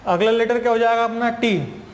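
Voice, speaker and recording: High-voiced man teaching in an echoey room. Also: moderate pace. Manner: patient, repetitive explaining, often asking and answering his own questions. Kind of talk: spoken English grammar lesson explained in Hindi. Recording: echoey room with long reverb and faint hiss.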